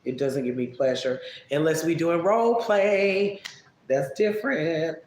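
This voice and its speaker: A man casually answering viewer questions on a live stream, relaxed and chatty, musing aloud as he thinks. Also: fairly high pitch, a little slow. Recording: echoey room with faint background noise.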